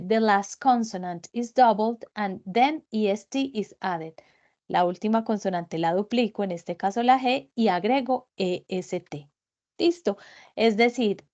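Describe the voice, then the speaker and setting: A woman's voice: mid-range voice, a little mellow. A woman giving an online English grammar lesson, explaining step by step and often checking that her students follow. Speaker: English teacher. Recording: dull lo-fi web conference audio.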